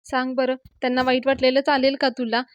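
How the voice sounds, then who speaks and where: A woman's voice: high voice, little pitch movement, fast, no echo, muffled recording, close to an everyday voice. Earnest protective young guy, woman reading him, dry sound. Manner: pleading, earnest.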